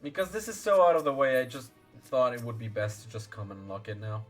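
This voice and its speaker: A man's voice: medium pitch, big pitch swings, fast. A man streaming a video game with casual, chatty, playful live commentary. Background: music.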